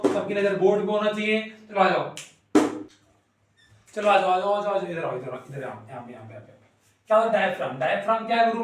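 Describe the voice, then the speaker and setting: A man teaching an online class, playful and rapid, repeating questions and teasing his students. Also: high voice. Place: classroom with whiteboard. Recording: loud echo, voice from a distance.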